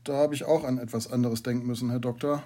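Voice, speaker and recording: A man voicing a shy, sad schoolboy who answers politely and hesitantly, with a husky voice. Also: mid-range voice, fairly even intonation, fast talker, warm tone, natural voice. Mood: timid.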